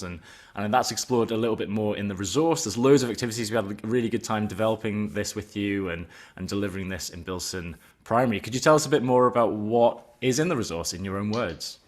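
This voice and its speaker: A man with a fairly low voice hosts an informal online presentation of an educational resource. He talks enthusiastically but hesitantly, wandering from point to point.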